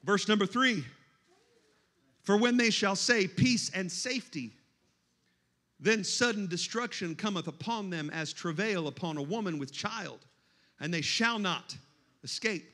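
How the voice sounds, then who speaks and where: A man preaching a sermon in a church, moving between hushed scripture reading and shouted exhortation. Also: high voice, a little slow, pauses often.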